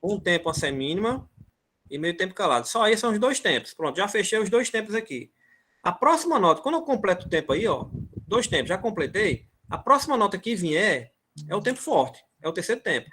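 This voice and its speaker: A man's voice: sits high, big pitch swings, brisk, sharp tone, slight background noise. A man teaching rhythm on a video call, chanting syllables and words to explain the beats. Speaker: music teacher. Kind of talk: online music lesson.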